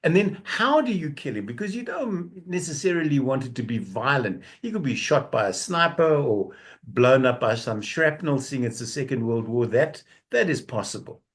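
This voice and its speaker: A man's voice: medium pitch, lively intonation, moderate pace, hardly any pauses. A man hosting a book interview show, teasing his guest and laughing often in casual chat. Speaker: radio show host.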